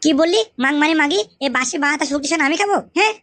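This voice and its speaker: A brash young son-in-law who swears and rants fast in a high, bright voice, as a woman plays him. The sound is dry and close. This is comic cartoon voice acting. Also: no echo. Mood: indignant. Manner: crude, swearing, indignant.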